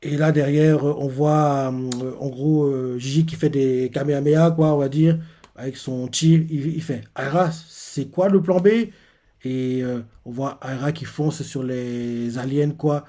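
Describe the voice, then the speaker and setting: A man's voice: mid-range voice, level tone, measured pace, warm tone. A man casually retelling manga chapters and reacting to them, talking in loose rambles full of fillers.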